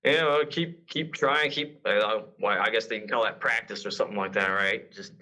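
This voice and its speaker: A man's voice: fairly low pitch, normal speed, pushed and bright, low-quality recording. A man from Mississippi, an author guest, speaking casually and hesitantly, with many uh's. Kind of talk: casual podcast interview.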